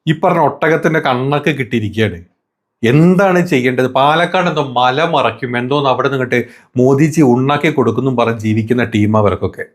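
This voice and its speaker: A male commentator talks over debate clips, his voice at an ordinary middle pitch. He heaps sarcasm and crude insults on his targets, often in a falsely affectionate tone. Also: fast talker. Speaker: political commentary host.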